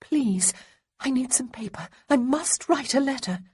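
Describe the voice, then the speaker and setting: A woman's voice: fairly high pitch, very animated, measured pace, husky, voice pushed up, heavily acted. A woman voicing a breathless young lady who urgently pleads with the people around her. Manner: pleading, insistent.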